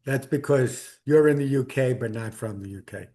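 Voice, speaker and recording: A man's voice: medium pitch, moderate pace, dark tone. A middle-aged man with a Brooklyn accent, telling a personal story conversationally as an interview guest. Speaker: guest author.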